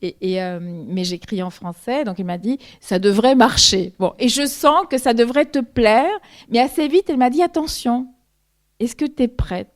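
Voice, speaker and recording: A woman's voice: a little high, normal speed. Hesitant woman author, from Argentina. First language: Spanish. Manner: hesitant, many repeated words and restarts. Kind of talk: bookshop talk, answering questions.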